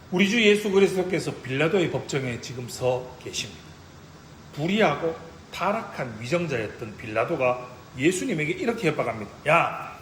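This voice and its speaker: Korean pastor preaching with lively pitch. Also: male voice, slight background noise. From South Korea. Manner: emphatic, with slow solemn scripture readings. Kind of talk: sermon. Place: church sanctuary. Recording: echoey room, faint ambience.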